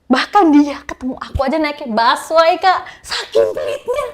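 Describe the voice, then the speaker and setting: A woman's voice: high-pitched, big pitch swings, normal speed. A young woman from Jakarta telling her personal story in a casual podcast chat, acting out quoted lines and laughing often. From Jakarta, Indonesia.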